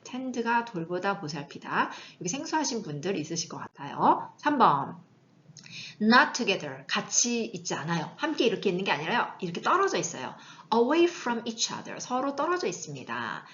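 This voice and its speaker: A woman English teacher giving a chatty vocabulary lesson and drilling slow pronunciation, recorded in a coffee roastery. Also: mid-range voice, fairly bright tone, highs cut off. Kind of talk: casual online vocabulary lesson.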